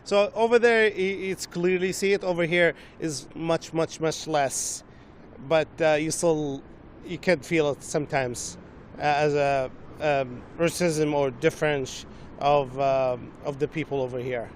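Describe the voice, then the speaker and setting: Man from russia, halting, broken phrasing, fairly high voice, faint traffic. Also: steady tone. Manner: halting, non-native phrasing. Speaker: street interviewee. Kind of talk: street vox pop answer.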